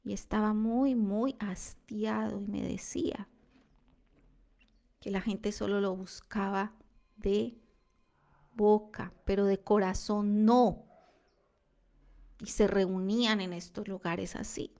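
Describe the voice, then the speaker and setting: Woman preaching a slow heartfelt testimony, mid pitch, goes soft and whispery sometimes. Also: steady tone, vocal fry. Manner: earnest, reflective, drops to a soft whisper at times. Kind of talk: devotional testimony talk.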